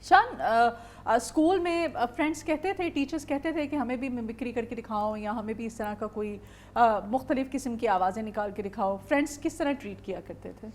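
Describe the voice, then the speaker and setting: A woman hosting a morning TV show, prompting a guest with lively questions. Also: a little high, a little hiss or hum. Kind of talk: TV talk show interview.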